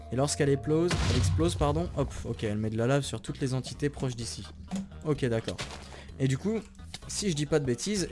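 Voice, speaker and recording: A young man giving chatty, excitable commentary while playing a video game and talking to his viewers. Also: medium pitch. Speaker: gaming YouTuber. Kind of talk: casual Minecraft let's play commentary. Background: background music.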